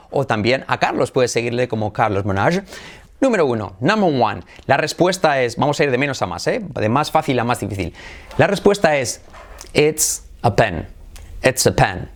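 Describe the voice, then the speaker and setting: A man with a Spain Spanish accent teaches English to learners on video. He is energetic and drills each phrase through steady repetition. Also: a little high.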